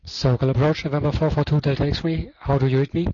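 A man's voice: on the high side, fairly even intonation, fast, warm tone, no echo. A man, a private pilot, giving clipped, routine readbacks to air traffic control over a headset radio transmission. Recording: lo-fi noisy aircraft radio.

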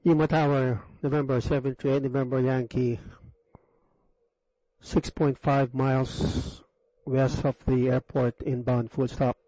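A man's voice: medium pitch, level tone, a little slow, mellow, a little hiss or hum, rough recording. A man playing a pilot, speaking through a cockpit headset and giving clipped, formal radio readbacks that end with his callsign. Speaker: pilot on a flight simulator network. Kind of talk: radio calls to air traffic control.

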